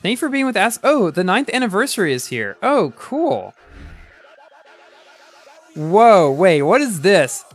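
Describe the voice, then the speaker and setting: A man's voice: high-pitched, big pitch swings, unhurried, pauses often, faint music behind. A man streaming a racing game live, chatting casually and reacting aloud as he plays, often restarting his sentences.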